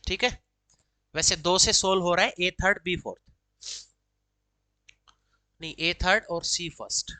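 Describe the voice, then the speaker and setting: A woman teacher walks through exam answers. She reads each question in slow, careful English, then explains it briskly in Hindi. Her voice is bright and crisp, recorded close and dry. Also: medium pitch, no echo, low-quality recording. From Haryana, India. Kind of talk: exam solution lesson, reading questions aloud then explaining.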